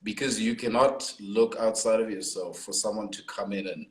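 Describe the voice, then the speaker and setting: A man's voice: fairly low pitch, moderate pace, roomy sound, low-quality recording. A South African man, a hip hop artist, talking thoughtfully in a casual interview over a video call. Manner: reflective, thoughtful, many fillers. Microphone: laptop or phone on a video call.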